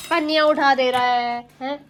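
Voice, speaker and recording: A woman's voice: high-pitched, steady tone, normal speed, slight background noise. A young woman, a mother vlogging at home, who chats to her viewers and coos at her baby in doting baby-talk. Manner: chatty asides to viewers. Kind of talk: casual home vlog.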